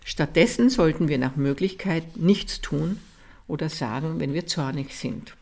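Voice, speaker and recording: A calm, steady reading voice delivers a Buddhist teaching text at a measured pace. It drops softer and slower on the important sentences and keeps an even, unhurried audiobook delivery. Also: medium pitch, gravelly. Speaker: reader.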